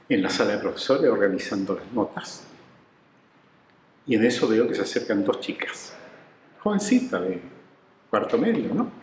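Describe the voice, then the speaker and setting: A man's voice: fairly low pitch, roomy sound, in a large hall, slight background noise, rough recording. A man, telling his research stories in an interview and acting out the people he quotes. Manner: animated storyteller who acts out quoted voices. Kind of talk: reflective storytelling interview.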